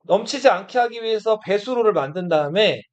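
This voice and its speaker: In this classroom lecture, a man teaches history with a high, animated voice at a fairly quick pace. His style is casual and blunt, and he often poses questions to the students only to answer them himself.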